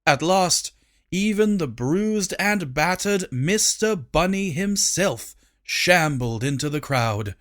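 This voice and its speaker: A man narrating a comic storybook in an expressive, playful way. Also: fairly high pitch, slow. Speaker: audiobook narrator.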